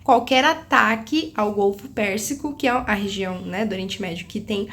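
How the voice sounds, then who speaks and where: A woman's voice: mid-range voice, normal speed. Chatty young woman, echoey room. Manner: chatty, animated, many restarts and laughs. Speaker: book vlogger. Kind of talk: casual book review chat.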